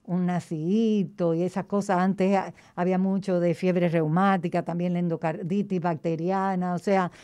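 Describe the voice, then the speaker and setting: A woman cardiologist explains a health topic with energy and emphasis. Her voice is mellow and warm, muffled by a face mask. The sound is dry and close. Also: lowish voice, little pitch movement, moderate pace, few pauses, no room sound. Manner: emphatic, speaks with vigor. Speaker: cardiologist, show regular. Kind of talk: casual health talk on air. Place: closed room behind plastic screens.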